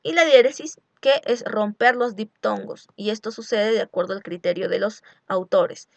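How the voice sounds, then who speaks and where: A woman teacher explaining poetic meter in a recorded lecture, speaking slowly and deliberately and asking rhetorical questions. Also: medium pitch, creaky, a little mellow, no room sound, muffled recording. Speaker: literature teacher.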